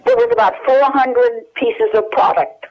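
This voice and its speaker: A woman in her eighties is interviewed by telephone, her high, sing-song voice moving at a measured pace over a muffled line. She sounds hesitant, searching her memory and using many fillers.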